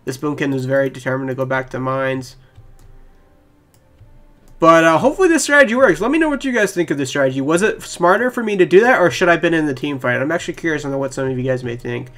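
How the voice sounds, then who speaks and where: Excitable young man commentating gameplay. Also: fairly high pitch, fast. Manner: rambling, excitable, talks to viewers. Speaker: gaming channel host. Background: keyboard typing.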